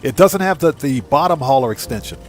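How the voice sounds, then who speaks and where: Over background music, a man who streams live and hosts a channel chats informally to viewers while commentating on a game, repeating phrases to stress them. His voice is mid-range with lively intonation and a slightly fast pace.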